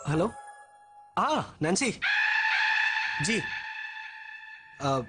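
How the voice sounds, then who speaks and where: A young husband in a TV serial who stammers and talks his way out of trouble. His voice jumps around a lot in pitch. Music plays in the background. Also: sing-song, drawn-out words, raised voice, exaggerated voice. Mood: defensive. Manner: flustered, stammering, defensive. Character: flustered young husband caught out.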